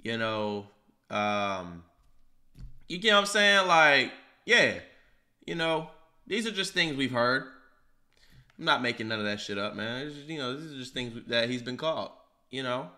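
A young man hosting a casual vlog, teasing his friend, swearing freely and breaking into loud shouts. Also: mid-range voice, expressive, unhurried, long pauses. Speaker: vlog host. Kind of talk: joking casual chat. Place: living room.

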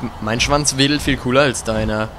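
A young man giving casual let's play commentary, crude and swearing, often yelling at the game. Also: mid-range voice, steady tone, fairly quick, slight background noise. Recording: voice over game music.

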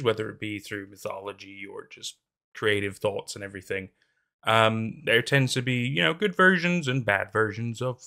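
Fairly low in pitch, creaky, bright and forceful, a young man's voice carries a horror story before turning to casual, rambling commentary packed with fillers, restarts and hesitation. The setting is a small room at a desk, in front of a green screen.

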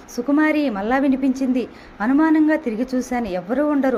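A woman narrating a novel in the first person, telling the story in a steady, measured way. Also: on the high side, a little hiss or hum, low-quality recording. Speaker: audiobook narrator.

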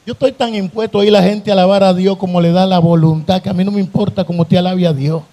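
A man, an evangelist preaching a Pentecostal sermon at a church convention, impassioned and building to shouted crescendos. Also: high voice, fairly even intonation, fast.

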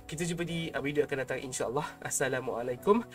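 A man's voice: mid-range voice, quick pace. A young man with a Malaysian accent talking casually and informally to his subscribers as a YouTube host, close to a desk microphone. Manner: informal, chatty, addresses viewers as an older brother. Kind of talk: casual vlog talk to subscribers. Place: small home room, indoors. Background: background music.

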